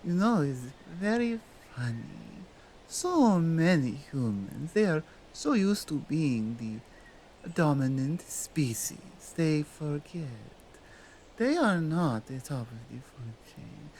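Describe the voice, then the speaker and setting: Woman doing a bossy female krampus monster for asmr, nordic accent, really slow halting english, pitch swings around, stern but coaxing, bit of background noise. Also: sing-song, a little mellow, exaggerated voice, poor audio. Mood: musing, superior. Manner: deliberate, commanding, halting non-native phrasing. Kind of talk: ASMR roleplay, slow dramatic monologue.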